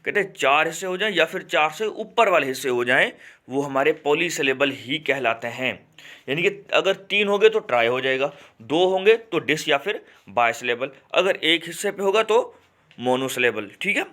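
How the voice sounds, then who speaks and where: A man's voice: a little high, expressive, pushed and bright. Man teaching a lesson. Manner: repeats words slowly and asks rhetorical questions. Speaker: English teacher. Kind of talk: classroom lesson explaining grammar.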